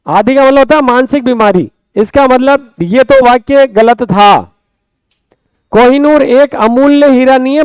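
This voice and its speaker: A male Hindi grammar teacher with a Rajasthani accent, explaining a class lesson step by step, repeating words slowly and often asking his students quick questions. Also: extremely high pitch, a little mellow, smooth, no echo.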